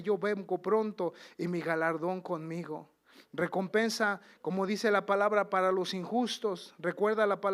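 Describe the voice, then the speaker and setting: Man preaching, fervent sermon, fairly high voice, slow drawn-out scripture quotes, loud surges and hushed drops. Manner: fervent preaching, swells loud on key phrases and drops to soft low asides; stretches out quoted scripture slowly. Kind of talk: Pentecostal sermon.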